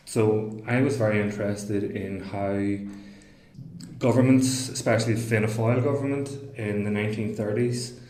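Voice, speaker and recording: A man with a Northern Irish accent, a historian talking through his research in a casual interview, pausing often with fillers and restarts. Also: fairly low pitch, a little mellow, reverberant, rough recording. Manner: thoughtful, with frequent fillers and restarts. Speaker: historian guest.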